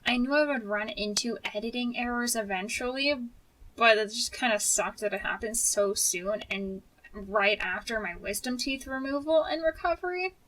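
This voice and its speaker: Higher-voiced woman in a casual personal vlog. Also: moderate pace, a bit bright, recorded from a distance, slight background noise, low-quality recording. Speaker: video creator.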